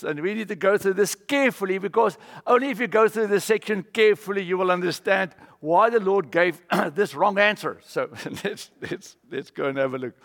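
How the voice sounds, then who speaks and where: Lively high-voiced male preacher. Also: vocal fry, big-room sound. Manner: animated, humorous asides. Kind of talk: sermon.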